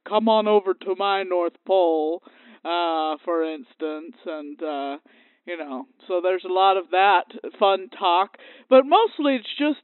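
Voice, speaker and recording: A woman's voice: on the low side, a little slow, no room sound, lightly acted. A woman voicing a jolly, crude old Santa Claus who rambles cheerfully and obliviously, calling in by phone to a comedy podcast. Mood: jolly, rambling. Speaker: comedy guest. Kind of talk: improvised comedy podcast bit. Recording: tinny phone line, dry.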